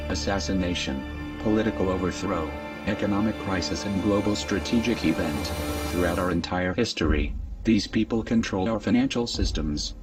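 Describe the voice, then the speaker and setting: A man reading a scripted anonymous message in a disguised, pitched-down deep voice, with a stern, declamatory and measured delivery. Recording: distant voice under loud music.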